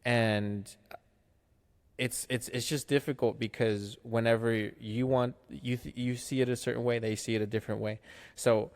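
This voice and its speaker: A man's voice: mid-range voice, flat delivery, moderate pace, a little mellow. A man in casual podcast chat who talks reflectively, offering advice and often restarting his sentences. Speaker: podcast co-host.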